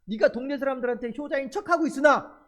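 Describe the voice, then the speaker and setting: A man voicing an indignant village man who shouts and scolds his neighbor in a finger-pointing tirade. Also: very high-pitched, quick pace. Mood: furious.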